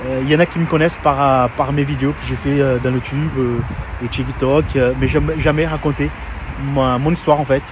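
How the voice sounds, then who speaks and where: A Brazilian heavy-truck mechanic with a Brazilian Portuguese accent tells his story in a casual vlog, his mid-range voice steady and a little fast. He hesitates a lot, with many fillers and restarts, while filming outdoors at a truck yard and garage with street noise behind him.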